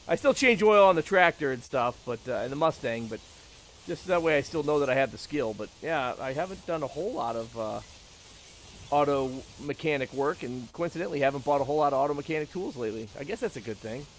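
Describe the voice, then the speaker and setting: A man's voice: on the high side, lively intonation, a little fast, a little hiss or hum. A man chatting casually and talkatively, with joking asides, as he shows off things. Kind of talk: casual chat about tools.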